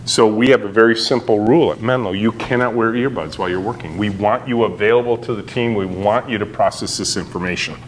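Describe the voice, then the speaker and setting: A middle-aged man giving a conference keynote talk, telling stories in an animated way and acting out quotes with sudden jumps in pitch. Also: fast talker, few pauses, a little hiss or hum. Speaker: keynote speaker. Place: conference hall.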